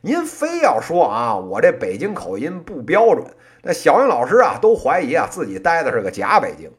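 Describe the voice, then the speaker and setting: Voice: medium pitch, wildly swooping pitch, moderate pace. A podcast host in their late thirties with a Beijing accent, delivering a colloquial comic monologue in one-person crosstalk style, full of erhua and little interjections. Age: late 30s. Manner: colloquial plain speech with erhua and frequent interjections.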